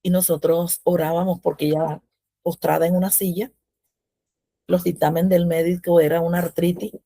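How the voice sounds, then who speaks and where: A woman's voice: fairly low pitch, flat delivery, normal speed, mellow, no echo. A woman giving a religious testimony in a devotional, telling her story with fervor and acting out the prayers she quotes. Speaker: devotional speaker.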